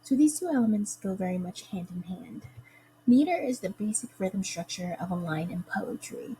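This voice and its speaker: A young woman presents a lesson in a mellow, warm voice, slowing down to sound out the stresses of words. She talks with careful, deliberate explanation, like a student giving a class presentation. A faint ambient hum sits under the recording. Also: medium pitch, expressive, low-quality recording.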